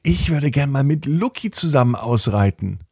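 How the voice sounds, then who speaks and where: An eager, curious young girl from a bedtime story asks question after question in a raised, lively voice. A man plays her, his husky, gravelly timbre still showing through. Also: medium pitch, normal speed, no room sound, clean studio sound, pitched above the performer's own voice. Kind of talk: storybook narration.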